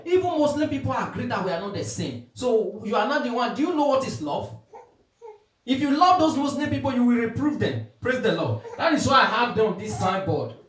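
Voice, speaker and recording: Emphatic high-pitched male preacher, echoey. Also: fairly bright tone. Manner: emphatic call-and-response preaching, quoting King James scripture. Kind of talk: street sermon. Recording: echoey, from far off the mic.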